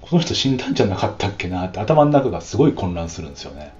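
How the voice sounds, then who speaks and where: A man hosting a casual solo podcast, talking in a chatty way with frequent drawn-out "um" fillers. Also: deep voice, very animated, a little mellow, echoey room, lo-fi sound. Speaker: podcast host.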